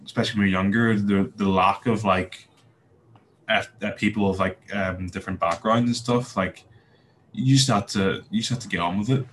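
At a normal speed, a young Northern Irish man guests on a podcast in casual interview talk. His Belfast-accented voice sits on the low side, steady and fairly bright. He hesitates, using many fillers and restarts, over slight background noise.

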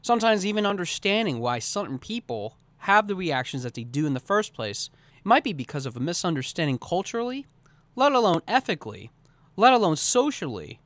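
A man's voice: fairly high pitch, a bit bright, dry recording. A man hosting a solo podcast, talking earnestly in long, winding sentences. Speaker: podcast host. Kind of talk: solo podcast monologue on communication.

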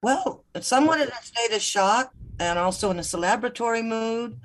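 Give me a woman guest on a bad video call connection, answering questions in a measured way with frequent fillers and self-corrections. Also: fairly high pitch. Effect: poor-quality video call connection. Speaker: guest, legal counsel. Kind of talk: interview answers.

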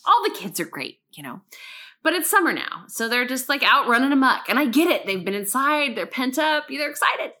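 A woman chatting casually, telling a story in an animated way, acting out quotes and laughing often. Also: high-pitched, a little fast.

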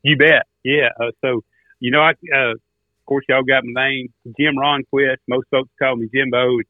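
A man's voice: medium pitch, level tone, normal speed, dry recording. This is a man with an Arkansas accent and an easy Southern drawl. He talks in a folksy, casual storytelling way as an interview guest. His voice comes through a narrow, tinny phone connection. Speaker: guest, duck caller and turkey hunter. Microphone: remote phone call.

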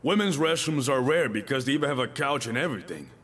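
A man's voice: mid-range voice, lively intonation, quick pace, a bit bright, husky. A male pastor preaching a sermon, emphatic and repeating his key lines, with joking asides to the congregation.

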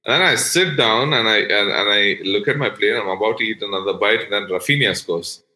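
A man's voice: lowish voice, fairly quick, sharp tone, reverberant, rough recording. A man chatting casually about football, telling a long story full of fillers and restarts. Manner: rambling storytelling with many fillers.

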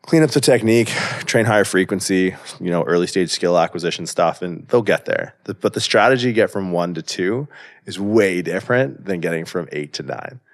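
A man in his thirties with a very low, deep voice talks loosely as a podcast guest. He rambles, strings thoughts together with "like" and "right?", and swears offhandedly. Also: animated, fairly quick. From Canada. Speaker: guest, strength coach. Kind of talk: casual podcast interview.

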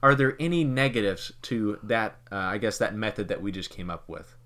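A Kentucky man co-hosting a relaxed podcast rambles and jokes as he quizzes his cohost with leading questions. His voice is lowish and fairly bright, with lively intonation and normal speed.

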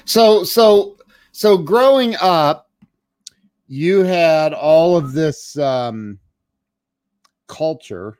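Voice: mid-range voice, expressive, very slow, pauses often, a little mellow, no room sound. A podcast host asking questions and giving short reactions in a casual interview.

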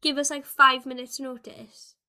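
A woman with a Welsh accent hosting a casual chat, telling stories in an animated, exaggerated, giggly way. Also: high voice, normal speed. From Wales. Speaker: video host.

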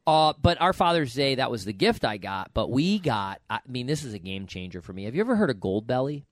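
Man, podcast host, hoarse, raspy smoker-like voice, colloquial, jokey, casual chat, dry sound. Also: medium pitch, big pitch swings, a little fast, no echo. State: hoarse from allergies.

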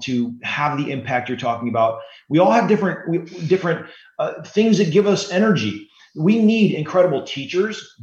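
A man in his forties, a guest author on an interview podcast, explaining in an earnest, steady way. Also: a little high. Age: 40s. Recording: roomy, slightly dull sound.

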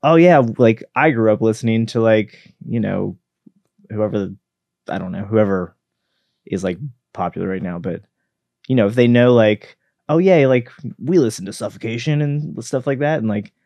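A man's voice: fairly low pitch, moderate pace, creaky, darkish tone, dry recording, muffled recording. A man in his thirties, a guest musician, chatting in an easygoing way and laughing often. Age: 30s. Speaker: band member guest. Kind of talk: casual chat.

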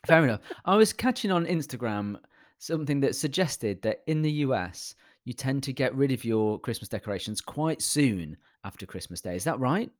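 A man's voice: mid-range voice, lively intonation, normal speed. A British man co-hosting a podcast in casual, wry banter, often starting his sentences over. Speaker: podcast co-host. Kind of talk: casual chat.

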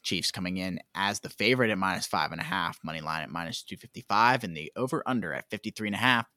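A man hosting a sports betting show, reading out the lines in a brisk, announcer-like way. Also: deep voice, sharp tone, dry recording, studio quality. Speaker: podcast host.

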